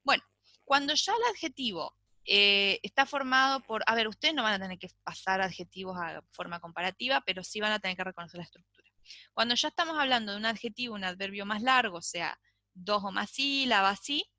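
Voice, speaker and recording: A woman's voice: medium pitch, expressive, fairly quick, sharp tone, no echo. A woman teaching an English grammar class, explaining patiently and checking in with frequent "¿sí?". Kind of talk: online class lecture.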